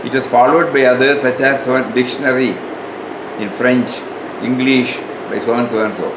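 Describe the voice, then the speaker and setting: A man with a South Indian accent giving an informal spiritual lecture in a halting, repetitive way. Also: mid-range voice, steady tone. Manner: halting, repeats words, tags questions with "no". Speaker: spiritual teacher. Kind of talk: informal spiritual lecture, partly reading aloud. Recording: echoey room with clear background noise.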